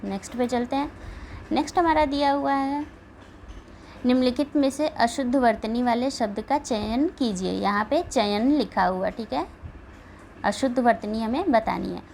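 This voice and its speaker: A woman's voice: a little high, moderate pace, gravelly, a little hiss or hum, poor audio. A woman teaching an exam-prep spelling lesson, reading out the answer options one by one and checking in with her students after each point. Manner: steady, checks in with repeated "ठीक है".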